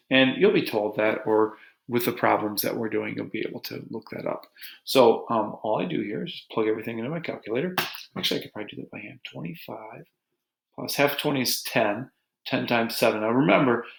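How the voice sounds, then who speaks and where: A man teaching a geometry lesson to his students in a relaxed, joking way, talking as he draws. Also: mid-range voice, gravelly. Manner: relaxed, joking, talks while drawing on a board. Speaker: math teacher. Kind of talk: recorded math lesson. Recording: echoey room.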